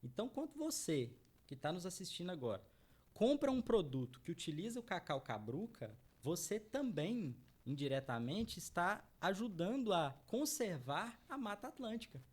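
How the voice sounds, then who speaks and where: A middle-aged man from Minas Gerais, Brazil, who founded a chocolate brand, explains his business in an interview. His high, sing-song voice moves at a moderate pace with a breathy edge. Earnest and speaking to the audience, he keeps checking in with "né?" ("right?").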